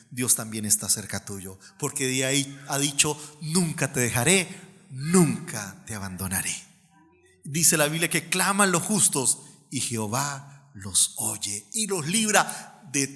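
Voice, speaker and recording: A Colombian man preaching a sermon as pastor, animated and acting out the people in his stories. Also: medium pitch, vocal fry, big-room sound. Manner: animated, acts out quoted voices.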